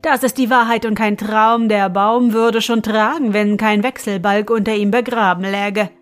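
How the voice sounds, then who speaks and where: A woman reading as a gruff, grumbling griffin. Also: mid-range voice, steady tone, normal speed, faint music behind, natural voice. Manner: loud, grumbling, demanding. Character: gruff male griffin, golden-feathered, irritable.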